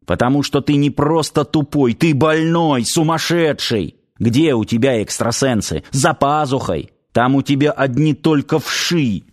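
A male narrator doing a gruff middle-aged garrison commander in an audiobook, blustering and volatile. He slides between weary grumbling and sudden yelling, in a middle-pitched male voice. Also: a little slow, few pauses, lightly acted. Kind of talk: audiobook character voice.

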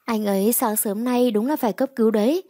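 A woman's voice: on the high side, fairly quick, warm tone, no echo, clean studio sound, close to an everyday voice. A woman doing a flustered young gang underling. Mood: urgent.

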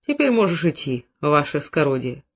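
A man doing a slow-drawling surly Cossack. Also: fairly high pitch, very animated, muffled recording, pitched below the performer's own voice. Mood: menacing calm. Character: surly young Cossack soldier, blunt and menacing.

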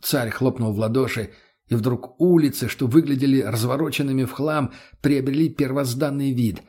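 A man narrating an audiobook in the first person with a plain, steady reading. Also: mid-range voice, normal speed, slightly rough.

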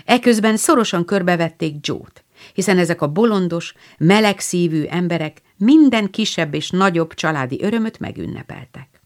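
A woman's voice: on the low side, lively intonation. A woman narrating a classic novel as an audiobook, telling the story expressively. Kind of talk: scripted narration.

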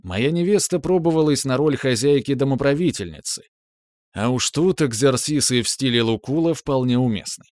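A man reading a first-person novel aloud in a wry, lively storytelling manner. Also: medium pitch, moderate pace, no room sound, studio quality. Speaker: audiobook narrator.

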